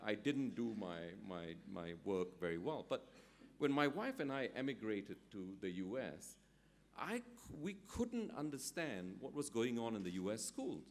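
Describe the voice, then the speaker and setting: A man's voice: medium pitch, very animated, normal speed, a little hiss or hum. A middle-aged man from Singapore, speaking as a summit panelist. He thinks aloud with many ums and often checks in with "right?". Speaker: conference panelist. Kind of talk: panel discussion at an economic summit.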